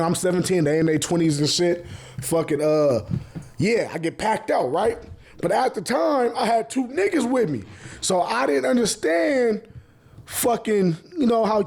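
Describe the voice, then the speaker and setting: Husky high-voiced man telling street stories. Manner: animated, profane street slang, laughs often. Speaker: podcast host. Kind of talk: casual storytelling.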